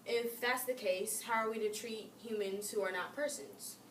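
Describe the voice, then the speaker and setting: A woman's voice: on the high side, fairly even intonation, moderate pace, fairly bright tone, lightly acted. A young woman playing an upbeat female moderator in a class-project mock debate, chatty and friendly. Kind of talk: amateur class-project role-play. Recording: echoey room, mic far off, faint noise.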